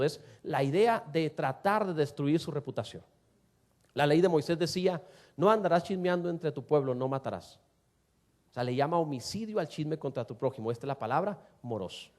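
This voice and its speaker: A man preaching a sermon to a congregation, asking them rhetorical questions and swinging between loud and soft. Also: fairly high pitch. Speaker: pastor.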